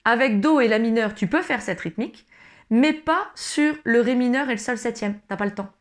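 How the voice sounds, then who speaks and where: A woman's voice: a little high, normal speed. A woman teaching ukulele, explaining each step patiently and talking to the learner informally. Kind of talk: tutorial explanation. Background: ukulele strumming.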